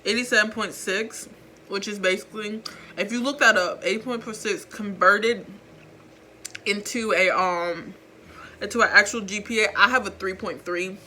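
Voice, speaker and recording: Chatty teenage girl with a bright voice. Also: mid-range voice, fairly even intonation, moderate pace, slight background noise. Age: teens. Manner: rambling, chatty, self-mocking. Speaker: vlogger. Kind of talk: casual chat. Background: faint background music.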